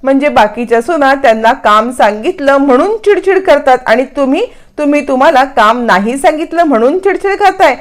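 A woman voicing a young husband who soothes and gently teases his wife. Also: high voice, animated, brisk, voice pushed up. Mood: teasing.

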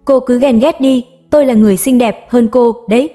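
A woman voicing a smug young woman star who mocks her rival in an unhurried, smiling way. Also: on the high side, mellow, soft background music, close to an everyday voice. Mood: taunting.

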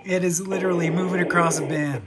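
An enthusiastic man with a slightly high voice gives casual commentary on a live radio demonstration. Loud static surrounds him. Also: steady tone, fast talker. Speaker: amateur radio hobbyist narrating. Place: indoors at a table beside a radio. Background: radio static and call chatter.

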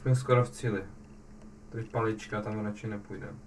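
A man hosting a casual gaming session, coaching a guest with urgent, rapidly repeated commands. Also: lowish voice, steady tone, background noise. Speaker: host guiding a guest through a game.

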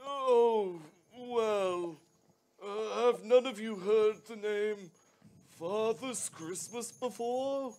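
In a live radio play reading, a man plays a jolly and pompous old Father Christmas, talking extremely slowly in a slightly mellow voice. He booms out his lines theatrically, throwing in plenty of "ho ho ho," through a headset microphone.

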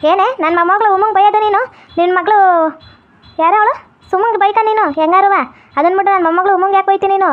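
A woman voicing a deaf, cranky old grandmother who scolds fast and holds to strict customs, in a comedy skit. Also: fairly even intonation. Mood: scolding. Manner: scolding, shrill and quick. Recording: tinny phone-like sound.

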